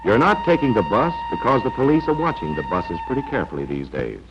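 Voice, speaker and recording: 1940s training film narrator guy, instructive, really animated, old noisy soundtrack. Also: mid-range voice, fast, highs cut off. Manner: instructive, coaching.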